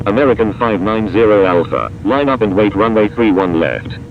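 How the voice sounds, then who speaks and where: A man with a low voice and swooping intonation gives air traffic control instructions in set, procedural phrases. The radio sound is dull, with a heavy rumble of noise. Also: expressive, normal speed.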